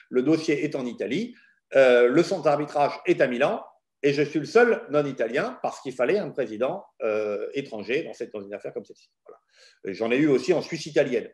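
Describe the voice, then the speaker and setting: A middle-aged man answers student questions as a law professor, frank and opinionated. He explains in a lively, direct way, with plenty of emphasis. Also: mid-range voice.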